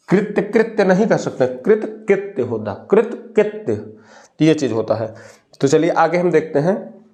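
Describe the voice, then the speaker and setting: A young man teaching a Hindi spelling lesson, who asks a question and then answers it himself, drawing words out slowly to stress them. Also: on the high side, mellow.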